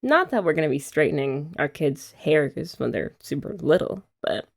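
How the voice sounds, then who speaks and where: Here an ASMR creator uses a low, creaky, very animated voice at a moderate pace. The young woman acts out a scripted girlfriend roleplay, playfully teasing her partner and laughing often.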